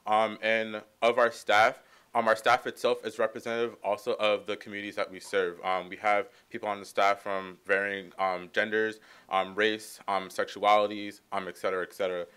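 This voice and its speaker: A young man presenting at a podium, halting and filling pauses with many ums. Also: fairly low pitch, flat delivery, sharp tone, clean tone. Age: young adult. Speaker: undergraduate program coordinator. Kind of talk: panel presentation. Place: conference room. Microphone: podium microphone.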